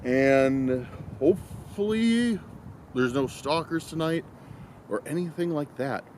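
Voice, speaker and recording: A man's voice: fairly high pitch, expressive, slow, darkish tone, a little hiss or hum. A man out in the cold at night, vlogging to a handheld camera in a rambling, easygoing way. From Illinois. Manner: rambling, easygoing, self-correcting. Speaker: vlogger exploring outdoors. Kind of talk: casual chat to camera.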